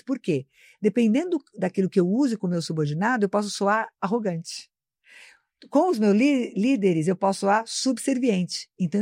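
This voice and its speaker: A woman's voice: mid-range voice, a little mellow, no room sound. Woman guest, professor type, didactic explainer, plain mid voice, dry studio sound. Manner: didactic, explanatory, addresses host by name. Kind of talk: live interview talk. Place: studio, live broadcast.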